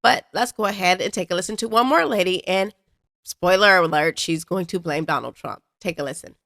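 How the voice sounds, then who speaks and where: Low-voiced woman lecturing with scorn. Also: brisk, gravelly, a bit bright, no echo. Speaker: commentary host. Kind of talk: political commentary.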